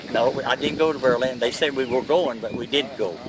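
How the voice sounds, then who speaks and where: An elderly World War II veteran in his 80s or older, with a Kentucky accent and medium pitch, recalls his service in a plain, halting interview. The recording is noisy and captured from a distant mic, with crowd noise and something like vehicles in the background.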